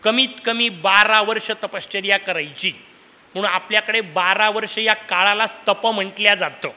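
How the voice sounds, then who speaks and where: A man's voice: high voice, moderate pace. A man giving a devotional discourse, telling stories and asking the audience questions. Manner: lively storytelling with rhetorical questions to the audience. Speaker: preacher. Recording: long hall reverb.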